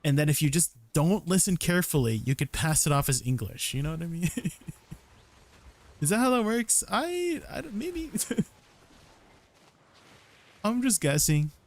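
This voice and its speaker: Slightly high and sing-song, this young man's voice moves a little slowly, with long pauses. On his livestream he casually comments on gameplay, explains combos, answers viewers chattily, and often ends sentences with "right?".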